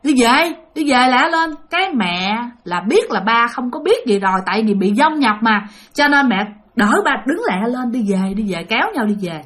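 A woman narrating a ghost story in an animated way, talking straight to her listeners. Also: fairly high pitch, moderate pace, hardly any pauses. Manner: animated, addresses listeners directly.

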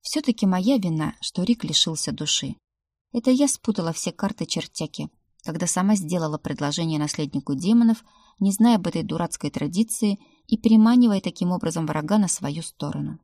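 Woman, audiobook narrator, calm, lowish, mellow, breathy, dry close recording. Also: a little fast, no room sound. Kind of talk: first-person audiobook narration.

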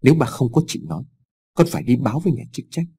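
A man voicing a weary, stern grown son who speaks quietly and firmly in an audiobook story. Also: mid-range voice, sing-song, rapid-fire, breathy edge. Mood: weary firmness.

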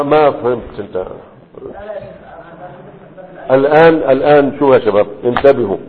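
Man lecturing, tinny with hall echo. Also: mid-range voice. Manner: constantly checks understanding with quick questions. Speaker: teacher of Arabic morphology. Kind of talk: classroom lecture. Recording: tinny phone-like sound with long hall echo.

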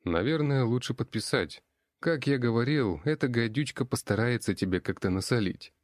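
A man's voice: mid-range voice, animated, moderate pace, no room sound, clean studio sound, voice pushed up, lightly acted. A man reading an audiobook voices a young male friend who talks in a casual, smirking way. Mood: wry.

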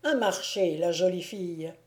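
Woman voicing a brusque wolf-hunter lord, storybook, teasing, loud, slow. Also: lowish voice, close to an everyday voice. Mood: teasing, bluff. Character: gruff blustering male noble wolf-hunter baron.

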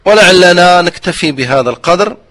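A man teaching the rules of Quran recitation, slowly modelling the sounds and often asking his listeners if they understood. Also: sits high, expressive, a bit bright. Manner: checks understanding with repeated questions; slowly drawn-out demonstrations of pronunciation. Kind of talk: explanatory religious lesson.

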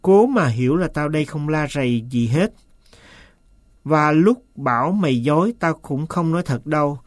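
A man reading a shrill, frantic master. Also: animated, moderate pace, no echo, studio quality, close to an everyday voice. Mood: coaxing. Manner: shrill, hissing when upset. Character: anxious, agitated man, master of a servant.

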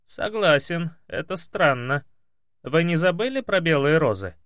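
Man playing a polite, inquisitive young secretary, animated, dry recording. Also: fairly high pitch, a little slow, no room sound, voice pushed up. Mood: curious.

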